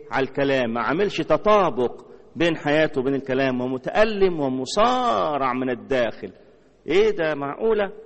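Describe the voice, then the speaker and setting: A man's voice: a little high, long reverb tail, highs cut off. A man with an Egyptian accent preaching a sermon, repeating phrases and answering his own rhetorical questions. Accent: Egyptian Arabic. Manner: rhetorical questions, heavy repetition.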